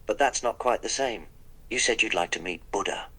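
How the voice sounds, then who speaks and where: The Doctor, husky deep-voiced time traveller voiced by a man. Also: animated, moderate pace, pushed and bright, full character voice, rough recording. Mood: wry. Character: the Doctor, eccentric male time traveller, wry and polite. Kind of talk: text-to-speech role-play with narrated actions.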